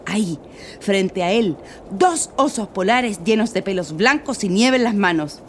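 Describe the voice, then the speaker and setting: A woman narrating a children's story in an animated, playful way, with sound effects. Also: medium pitch, measured pace, a little hiss or hum. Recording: music playing behind.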